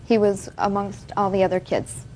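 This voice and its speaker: A woman's voice: medium pitch, fairly even intonation, normal speed, a little mellow, rough recording. Matter-of-fact woman testifying in court. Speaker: plaintiff answering a judge. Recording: faint background noise, courtroom.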